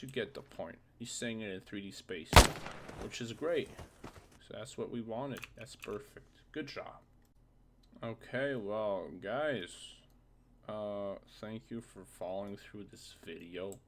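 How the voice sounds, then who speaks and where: A man with a lowish voice walks through a casual, screen-recorded game modding tutorial at a measured pace. He thinks aloud informally, repeating himself a bit hesitantly. There's faint noise and the sound of keyboard clicks.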